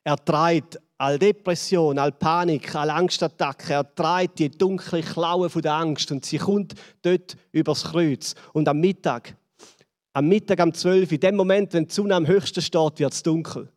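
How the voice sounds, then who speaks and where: A man with a Swiss German accent preaching a sermon, building dramatically and then dropping to hushed lines. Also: steady tone, unhurried, in a large hall. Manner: dramatic, swells and drops in pitch and volume. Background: band playing softly.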